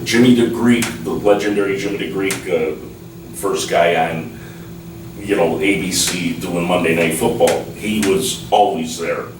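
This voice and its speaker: A man chats casually as an interview guest, halting and often repeating himself. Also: sits low, steady tone. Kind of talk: casual reminiscing interview chat. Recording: roomy, distant mic with clear background noise.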